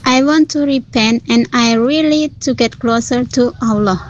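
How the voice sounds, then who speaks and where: A woman's voice: a little high, normal speed. A woman speaking earnestly in a short prepared voice message sent in by a listener and played back. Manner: earnest and sincere. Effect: recorded voice message played back on the show. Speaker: listener sending in a voice note. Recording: dull lo-fi voice note.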